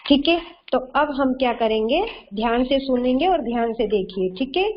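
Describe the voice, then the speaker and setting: A woman teaching a kindergarten class online, slow and patient, often repeating herself and quizzing the children. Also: sits high, animated, dull audio. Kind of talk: online kindergarten Hindi lesson.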